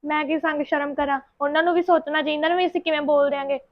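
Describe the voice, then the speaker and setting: A woman's voice: high-pitched, steady tone, very fast, highs cut off. A woman with a Punjabi accent acting a defiant young wife who answers back in a village family drama.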